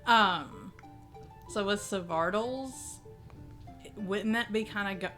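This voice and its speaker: A woman's voice: medium pitch, takes it slowly, a bit bright, faint music behind. A woman playing a tabletop game, chatting casually as a player.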